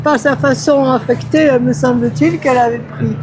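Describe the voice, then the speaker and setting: Woman passerby, opinionated, fairly high voice, traffic noise. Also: fairly even intonation, moderate pace.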